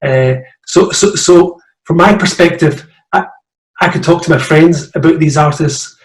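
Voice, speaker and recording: A man's voice: a little high, a little slow, reverberant, low-quality recording. A man with a Glaswegian accent asking a question over a video call, hesitant with many fillers. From Scotland. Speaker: audience member asking a question. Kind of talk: casual chat.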